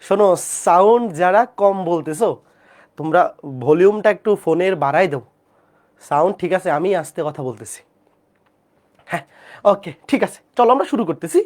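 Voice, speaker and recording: Soft-spoken Bangladeshi math tutor with a fever, lecturing live online and checking in with students often. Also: mid-range voice. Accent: Bangladeshi Bengali. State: feverish, speaking softly. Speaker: math teacher.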